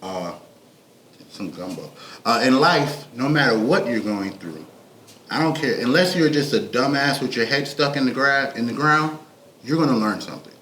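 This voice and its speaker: A man co-hosting a podcast talks casually at a moderate pace, his medium-pitched voice expressive and fairly bright. His thoughts come out loose and rambling in a relaxed, reflective way. The room is echoey, with faint background noise.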